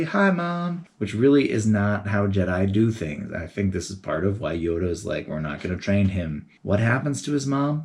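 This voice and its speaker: A man giving a casual, animated video essay, talking in a chatty way with geeky enthusiasm. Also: deep voice. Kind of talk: casual commentary to camera.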